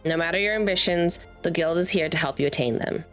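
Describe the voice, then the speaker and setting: A woman voicing a motherly, formal guildmaster from a fantasy game, reading the dialogue in a measured way. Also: lowish voice, faint music behind, natural voice. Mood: welcoming. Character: motherly guildmaster welcoming adventurers, grave and formal.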